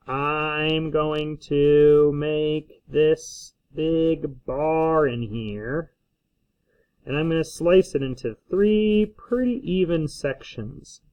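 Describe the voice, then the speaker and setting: Higher-voiced male teacher, slightly dull sound. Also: mellow. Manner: checks in often with "okay?". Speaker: school teacher. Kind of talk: casual instructional screencast. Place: indoors at a desk, recording a screencast. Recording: slightly dull lo-fi screencast audio.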